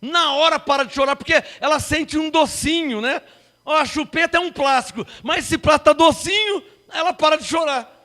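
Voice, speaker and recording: Guy in his 50s preaching, high pitched, keeps asking the church questions, goes loud then quiet. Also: moderate pace. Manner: rhetorical questions to the congregation, big swings from loud to hushed. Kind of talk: sermon.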